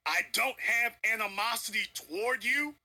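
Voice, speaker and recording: A man's voice: very high voice, moderate pace, sharp tone. A man giving a confrontational livestream commentary rant, emphatic and preachy, repeating lines for effect. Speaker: online political commentator.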